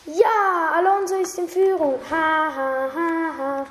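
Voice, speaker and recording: A woman voicing an excitable young male basketball player, shouting with joy. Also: very high voice, takes it slowly, pitched above the performer's own voice. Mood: excited shouting. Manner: shouting, overjoyed. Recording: echoey hall with faint noise.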